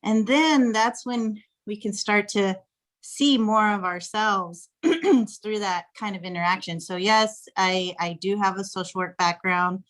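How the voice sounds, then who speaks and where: A woman in her thirties from Texas, a guest on a podcast interview, chatting in an animated, playful way and laughing often. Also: mid-range voice, unhurried. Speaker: podcast guest, flirt coach. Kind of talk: casual interview chat.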